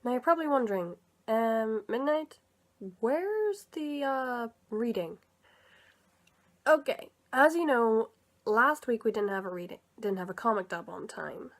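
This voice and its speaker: A fairly high-pitched woman speaks without hurry to her viewers, chatty and rambling, often correcting herself. She seems a little sick. She's a video creator who also does comic dub readings, here in a casual vlog.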